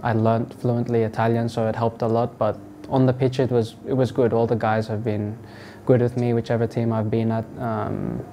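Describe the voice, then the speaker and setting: A young man from Australia, a football player answering interview questions in a relaxed, halting way with many fillers. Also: medium pitch. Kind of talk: sit-down interview. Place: indoors in front of a wall of football boots. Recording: music playing underneath.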